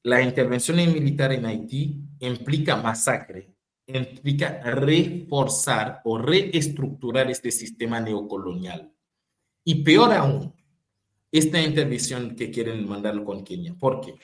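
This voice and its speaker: A man's voice: medium pitch, lively intonation, slow. Man making emphatic political argument. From Haiti. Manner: emphatic, repeats phrases for rhetorical weight. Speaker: political activist speaker. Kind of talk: impassioned political talk.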